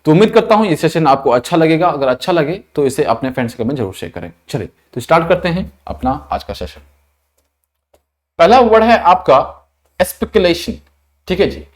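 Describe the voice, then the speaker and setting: A young Indian man teaching an online vocabulary lesson, explaining words and slowly repeating them to model pronunciation, often checking in with his students. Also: on the high side, very animated. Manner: frequent check-ins like "thik hai".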